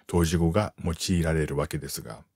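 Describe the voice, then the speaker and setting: A man with a very low voice reads a prepared text at an unhurried, even pace. He slows down carefully over each term he spells out. The sound is close and dry, with no room around it. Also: husky, dry recording. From United States. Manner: calm, measured reading, slowing to spell out terms. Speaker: narrator reading an article. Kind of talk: scripted reading for language learners.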